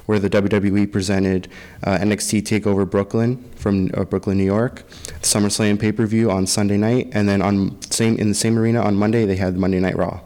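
Lowish-voiced man co-hosting in an echoey room. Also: level tone, fairly quick, dark tone. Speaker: podcast co-host. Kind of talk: casual wrestling recap and discussion.

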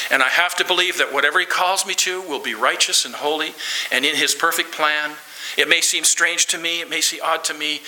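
Male guest preacher, conversational and earnest, bright tone, faint hiss. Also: on the high side, rough recording. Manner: earnest, conversational, asks the congregation questions. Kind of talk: sermon and closing prayer. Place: church.

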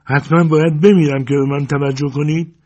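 A man reads a distressed young woman begging at a hermit's door, her voice pushed well above his own and louder. The tone is plaintive and pleading. A husky grain stays under it, as in a storybook reading. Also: on the high side, big pitch swings, muffled recording, voice pushed up.

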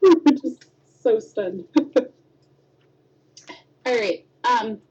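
A woman's voice: on the high side, animated, extremely slow, dark tone, breathy edge. Chatty woman podcaster, dull lo-fi sound. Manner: chatty storyteller, acts out quotes with squeals. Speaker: podcast co-host. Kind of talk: casual chat.

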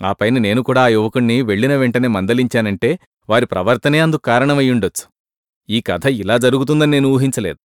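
A man narrates a short story in a steady, measured way, his voice sitting at an ordinary middle pitch. The recording is close and dry, with no room sound around him. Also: no room sound.

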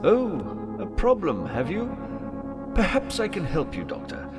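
A silky, high-pitched theatrical villain. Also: male voice, huge pitch swings, unhurried, over loud music, full character voice. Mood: smooth, persuasive. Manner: theatrical, mock-courteous, elaborately formal. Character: imprisoned villainous male mastermind, silky, mocking, grandiose. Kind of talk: audio drama acting.

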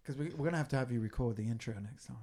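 A woman's voice: very deep voice, racing, mellow, a little hiss or hum. A woman co-hosting a podcast, rambling and laughing as she talks in casual banter. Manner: rambling, laughs while talking. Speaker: podcast co-host. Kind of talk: casual banter among friends.

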